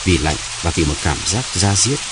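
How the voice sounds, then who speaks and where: A man narrating an audiobook story in a measured, dramatic reading. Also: low-pitched, lively intonation, very noisy.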